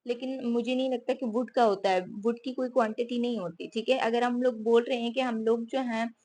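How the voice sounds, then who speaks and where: With a warm, fairly even voice on the high side, this teacher from Pakistan talks quickly through English grammar in a relaxed lecture. She keeps asking rhetorical questions and saying "theek hai" to check in. The recording carries a little hiss or hum.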